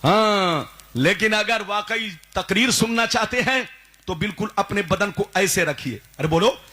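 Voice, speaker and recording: A male Islamic preacher delivers a sermon at a live religious gathering, his high-pitched voice unhurried over soft background music. He repeatedly urges the crowd to answer loudly and drifts into sung chant on certain phrases.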